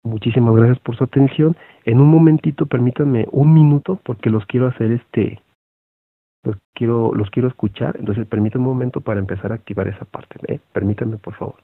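A teacher presenting online, this man with a Mexican accent talks to other teachers in a conversational lecture loaded with fillers and tag questions. He speaks fairly quickly in a husky mid-range voice with vocal fry. The audio is thin like a phone, with no echo.

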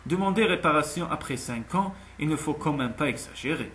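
A man's voice: fairly high pitch, expressive, brisk, fairly bright tone, a little hiss or hum. A man reading a cold cynical rich man. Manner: dry, sceptical, cutting. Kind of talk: audiobook character voice.

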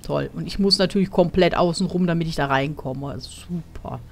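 A woman's voice: low voice, moderate pace, gravelly, darkish tone. A woman giving casual, sardonic let's play commentary on a video game. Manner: sardonic, wry. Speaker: let's player. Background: game music.

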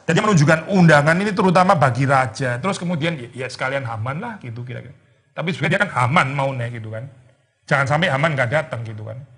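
A male pastor teaching a casual Bible study in an animated way, dropping English words into his talk and acting out the people in the story. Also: medium pitch, quick pace. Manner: animated, acts out quoted characters; mixes English words into speech.

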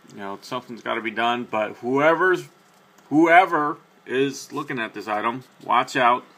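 This young sneaker vlogger's mid-range voice has a fairly bright tone. He speaks casually to a webcam just in front of him in a small room at night, full of fillers and restarts as he rambles.

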